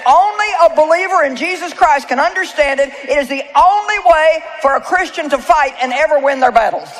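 A woman delivers a sermon to a live audience in a high voice. She is emphatic and tells personal stories. She keeps turning to the crowd with rhetorical questions. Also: fairly quick, a little hiss or hum, poor audio. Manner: storytelling with personal anecdotes. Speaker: preacher.

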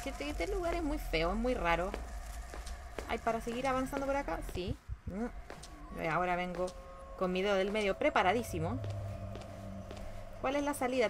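Young woman, casual gameplay commentary, sassy, bit high voice, noisy recording. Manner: sassy, talks back to the game. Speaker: gameplay streamer.

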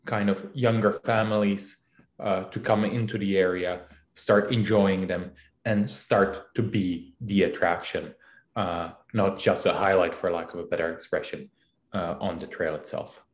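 Guy fumbling through answers with lots of uhs, lowish voice, roomy echo. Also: steady tone. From Czech Republic. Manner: halting, many fillers and restarts. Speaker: CEO guest. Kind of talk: casual interview answers. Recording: echoey room.

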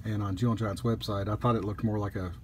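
Relaxed low-voiced man reviewing a collectible. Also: a little hiss or hum. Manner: easygoing, with frequent "uh" pauses. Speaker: toy collector reviewing a statue. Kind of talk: casual product review. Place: indoors at a table.

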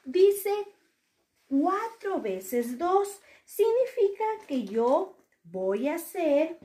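A woman teacher with an Ecuadorian Spanish accent leads an online lesson for small children. Her voice sits high and swings widely, and she stresses each syllable as she models words. The sound carries a noticeable room echo. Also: very animated, very slow, warm tone. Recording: echoey room.

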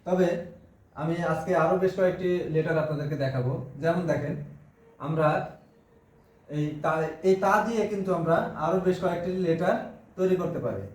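A Bengali-speaking man teaching beginners, going slowly and patiently and repeating each syllable as he writes. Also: a little high, darkish tone, distant mic. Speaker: Japanese teacher. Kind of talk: beginner language lesson, writing on a board. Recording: echoey room, voice from off the mic.

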